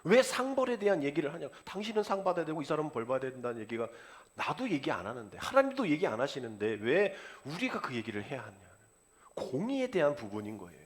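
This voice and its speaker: A male pastor preaching a sermon, acting out the characters' words in lively dialogue. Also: medium pitch, quick pace. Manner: animated preaching, acts out the father and son in dialogue.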